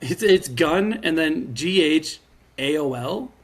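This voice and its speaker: A man's voice: a little high, lively intonation, takes it slowly. A man co-hosting a podcast in casual chat, rambling, laughing often and swearing casually. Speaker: podcast co-host.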